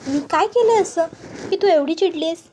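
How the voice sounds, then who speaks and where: A woman's voice: very high voice, moderate pace, warm tone, a little hiss or hum. Give me a busy young male doctor, read by a woman, casual and placating.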